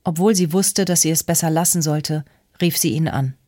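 An audiobook narrator reading a novel in an even, measured way. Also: mid-range voice, no echo, studio quality. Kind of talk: scripted narration.

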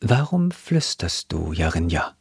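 A man reading the part of a gentle, caring bearded artist who asks soft questions. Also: low-pitched, very animated, a little slow, creaky, husky, dry recording, studio quality, pitched below the performer's own voice, heavily acted.

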